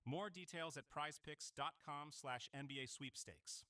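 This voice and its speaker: A man reading an ad in a put-on smooth male announcer voice with polished, even delivery. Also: fairly high pitch, moderate pace. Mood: promotional. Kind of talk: scripted ad read.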